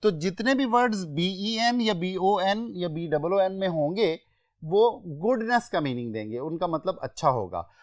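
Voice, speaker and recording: In an English vocabulary lesson aimed at exams, a Pakistani-accented man explains terms carefully and lists synonyms individually. He speaks high and expressively, and the recording is dry with a clean studio sound.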